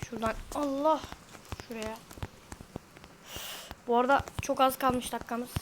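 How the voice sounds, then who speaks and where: A woman's voice: fairly high pitch, steady tone, normal speed, a little hiss or hum, low-quality recording. Exasperated woman narrating her gameplay. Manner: easily frustrated, grumbling and exclaiming. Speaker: gamer. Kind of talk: casual gameplay commentary to viewers.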